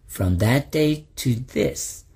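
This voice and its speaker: A male storyteller reading a folk tale slowly and with much expression. His voice is husky, with a gravelly fry, and his pitch moves around in a lively way. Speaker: narrator.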